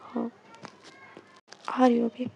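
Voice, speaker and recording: A woman voicing a withdrawn adult woman who speaks softly and low, gentle with the child. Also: monotone, takes it slowly, creaky, highs cut off, soft background music. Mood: tender. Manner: soft, low and hushed.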